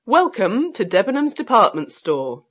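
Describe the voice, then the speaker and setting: Woman giving clear announcements. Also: mid-range voice, big pitch swings, moderate pace, fairly bright tone. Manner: clear, firm announcer delivery. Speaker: announcer in a listening exercise. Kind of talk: scripted public announcements.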